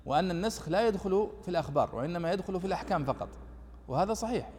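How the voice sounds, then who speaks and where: A man's voice: sits high, lively intonation, rapid-fire, darkish tone. A man teaching a classical commentary lesson, explaining points directly to his students. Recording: echoey hall with long reverb.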